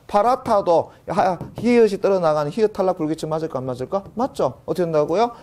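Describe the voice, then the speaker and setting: Here a man of medium pitch and somewhat dark tone lectures on grammar. Constant check-in questions come up, which he answers himself, and he stretches out the important terms for emphasis.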